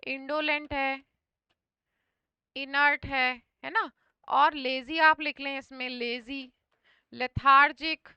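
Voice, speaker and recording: A woman's voice: sits high, steady tone, takes it slowly, pauses often, no room sound, dull audio. A woman teaching English vocabulary for an exam in Hindi, mixing in English words and often checking in with her students. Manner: often repeats "thik hai" to check understanding.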